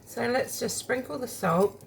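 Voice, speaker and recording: A woman's voice: a little high, a little slow, gravelly, slight background noise. A woman chatting casually through a home baking taste test, rambling and talking while she eats.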